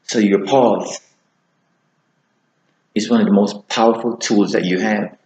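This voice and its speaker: A man teaching public speaking, talking to camera and deliberately shifting his pace, slowing down for emphasis. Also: on the low side, fairly even intonation, darkish tone, echoey room, muffled recording. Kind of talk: instructional talk to camera.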